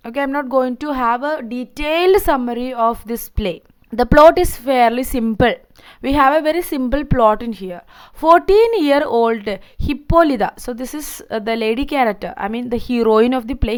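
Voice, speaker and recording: A woman's voice: fairly high pitch, smooth. A woman giving an informal explanatory lecture, repeating and rephrasing her points as she goes. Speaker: literature lecturer. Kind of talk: informal lecture summarizing a play.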